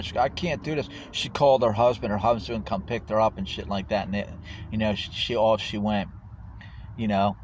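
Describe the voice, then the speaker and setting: A man's voice: lowish voice, a little hiss or hum. A homeless man ranting to his phone camera outdoors, swearing a lot and restarting his sentences, on dull lo-fi audio. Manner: angry, swearing, stammering restarts. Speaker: homeless vlogger. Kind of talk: profane rant to camera.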